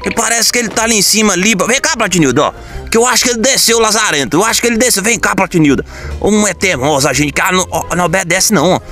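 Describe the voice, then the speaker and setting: Comedy gamer, high bright voice, lively and exaggerated, faint music under. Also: male voice, racing. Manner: excitable, exaggerated, folksy rural slang. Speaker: gaming comedy creator. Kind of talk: comedic gameplay commentary.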